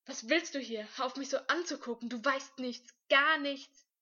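A woman voicing a distraught, tearful teenage schoolboy who shouts and pleads. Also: high voice, moderate pace, highs cut off, pitched above the performer's own voice. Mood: angry shouting.

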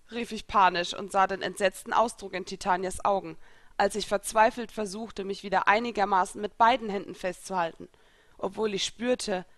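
A woman reading a first-person story aloud in an expressive, lively storytelling manner. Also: mid-range voice, dry recording. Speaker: reader.

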